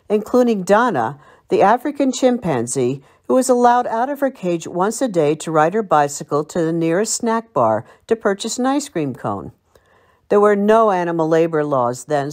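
Reading scripted narration as a local history presenter, this older American woman from Long Island, United States, has a slightly low, slightly mellow voice whose pitch rises and falls a great deal. Her manner is that of someone reminiscing and telling a story.

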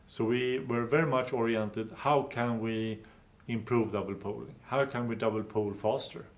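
Researcher guy, lowish voice, lots of uhs. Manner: hesitant, many fillers. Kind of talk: interview.

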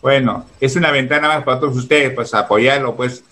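A man's voice: mid-range voice, brisk, sharp tone. A man running a casual online interview over a video call, chatty and full of fillers. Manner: chatty, many fillers like "pues" and "este".

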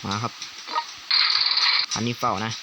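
A young man casually commentating a strategy game, excitable and swearing at times. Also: unhurried, loud music behind the voice, low-quality recording. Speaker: gaming YouTuber. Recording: loud background noise.

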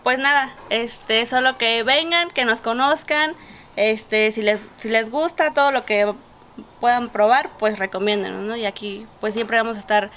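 A woman's voice: a little high, normal speed, fairly bright tone, a little hiss or hum. A woman in her thirties with a Oaxacan Mexican Spanish accent, a chef speaking hesitantly with many fillers in an outdoor garden. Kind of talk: casual interview.

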